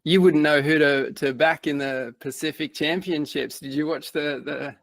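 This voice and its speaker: A man's voice: fairly high pitch, steady tone, unhurried, creaky, fairly bright tone, dry recording. A man hosting a podcast, introducing his guest with enthusiasm and asking questions. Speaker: podcast host. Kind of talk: podcast interview.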